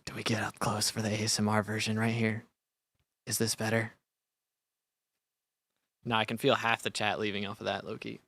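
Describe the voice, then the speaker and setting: A man's voice: on the low side, completely flat delivery, moderate pace, pauses often, fairly bright tone, no room sound. A man hosting a casual gaming livestream, rambling playfully and joking with his chat. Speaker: gaming streamer.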